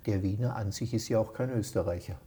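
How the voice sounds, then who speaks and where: A man in his sixties with an Austrian accent, a guest in a casual interview who explains things at length in a relaxed, matter-of-fact way. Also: fairly low pitch, fast. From Austria, near Vienna. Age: 60s.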